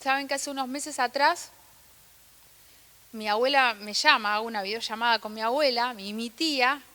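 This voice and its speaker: A young woman with a Rioplatense Spanish accent, preaching a sermon in an animated, emphatic way, with asides and bits of laughter. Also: a little high, normal speed, in a large hall.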